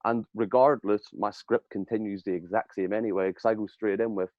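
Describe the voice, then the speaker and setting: A man's voice: lowish voice, fairly even intonation, brisk, dry recording. A man hosting a podcast, talking bluntly and casually and swearing now and then. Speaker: podcast host, agency owner. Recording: dull lo-fi mic.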